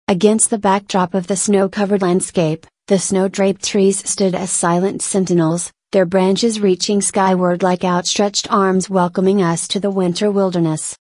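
A woman reading a scripted voice-over narration for a hiking video, in a smooth, even, descriptive way. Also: mid-range voice, no room sound. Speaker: vlog narrator.

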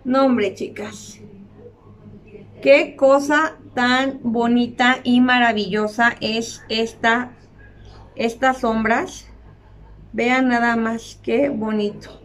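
A young woman, chatting through a makeup tutorial and gushing over the colors to her viewers. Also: on the high side. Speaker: beauty vlogger.

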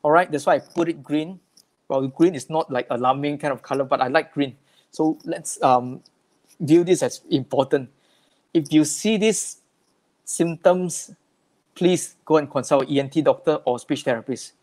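A man's voice: fairly high pitch, moderate pace, a little mellow. A man working as a speech therapist, giving a slide-based health talk in a plain, explanatory way and often repeating words.

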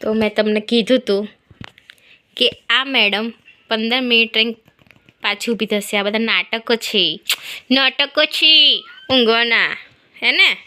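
A woman's voice: on the high side, unhurried, long pauses, pushed and bright. A young woman from Gujarat, a mother vlogging at home, talking to her small child and the camera in a playful, teasing, coaxing sing-song way. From Gujarat, India. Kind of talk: casual home vlog chat.

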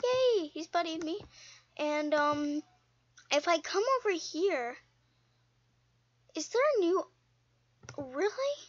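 High-voiced chatty young gamer girl. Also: takes it slowly, long pauses, dry recording, muffled recording. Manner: chatty, rambling, easily indignant. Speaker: game video host. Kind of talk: casual gameplay commentary.

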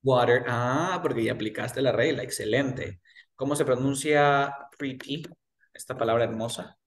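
A young man teaching English pronunciation in a one-on-one lesson, patiently drilling words slowly and repeating them. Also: medium pitch, slight background noise.

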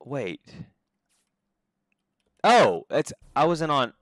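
Excitable young man streaming a game. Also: fairly high pitch, extremely slow, no room sound, studio quality. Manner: excitable, laughs often, jokey. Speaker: livestreamer. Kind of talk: casual gameplay commentary.

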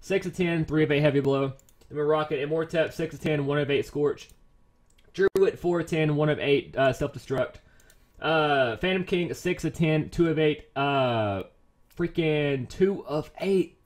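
A man commentating his own game play as a YouTuber, excitable, pleading and quickly exasperated over his luck. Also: fairly high pitch. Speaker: gaming YouTuber.

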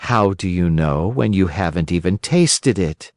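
A man voicing a gentle, loving fairy woman who coaxes patiently. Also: low voice, animated, unhurried, no room sound, studio quality. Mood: coaxing. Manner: gentle, coaxing.

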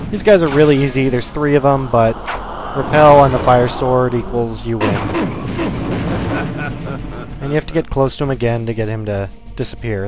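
A man giving casual, wry, explanatory commentary as he plays a video game. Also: medium pitch. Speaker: let's play host. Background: loud game music.

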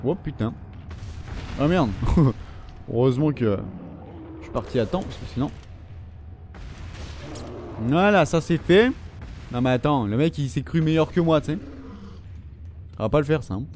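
Foul-mouthed French gamer taunting enemies. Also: male voice, a little high, a little slow, long pauses, a little hiss or hum. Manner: swearing, taunting enemies, animated. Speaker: gaming video host. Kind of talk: let's play commentary. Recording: faint game gunfire underneath.

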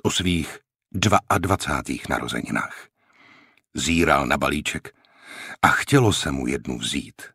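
Man reading a novel aloud, husky, measured narration, dry booth recording. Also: very deep voice, no room sound. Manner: measured, even storytelling. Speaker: audiobook narrator. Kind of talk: scripted audiobook narration. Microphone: close studio mic.

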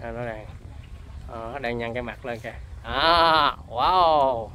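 A man's voice: mid-range voice, completely flat delivery, brisk, slight background noise. A man with a Southern Vietnamese accent, chatting casually to his viewers while filming outdoors in the countryside. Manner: chatty, keeps addressing viewers as folks. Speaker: vlogger. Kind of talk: casual on-location vlog chat. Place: rural outdoors near buffalo and water.

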